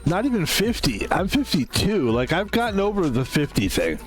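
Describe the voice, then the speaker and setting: A man's voice: fairly high pitch, huge pitch swings, normal speed, poor audio. Rambling man in his fifties streaming. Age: 50s. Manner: rambling, self-interrupting, chatty. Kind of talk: casual gaming stream chat.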